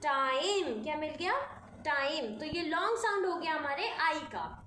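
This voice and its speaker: Teacher lady, very high voice, slow, spells words out then says them, echoey room w faint hiss. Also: a bit bright. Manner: slow, repeats each word after spelling it out; mixes Hindi and English, asks questions and answers them. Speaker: English teacher. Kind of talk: phonics lesson.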